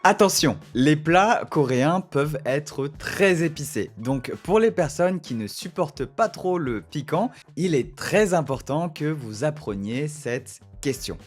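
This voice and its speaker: A lively man with a slightly high voice gives a casual video lesson on Korean phrases at a measured pace, barely pausing. He explains in French and models short Korean phrases, acting out little restaurant scenes in which he plays both customer and waiter. Faint music plays in the background.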